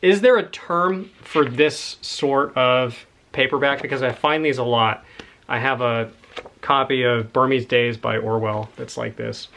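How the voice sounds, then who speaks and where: A book collector shows off his haul in a casual, rambling chat, enthusiastic and slightly out of breath. His mid-range voice is a little slow and a bit bright with vocal fry, and there's a faint hiss or hum.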